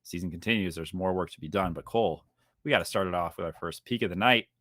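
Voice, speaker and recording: A young man hosting a casual esports podcast, talking fast and joking around. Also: low voice, no room sound, studio quality. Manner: energetic, jokey, fast-talking. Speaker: podcast host.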